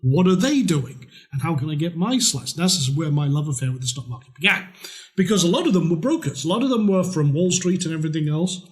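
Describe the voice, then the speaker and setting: A middle-aged man with a slightly higher voice than most men, pitching a trading course in a loose, conversational way. He talks bluntly and throws in the odd swear word. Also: expressive, fast. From Scotland. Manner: chatty, blunt, with mild swearing.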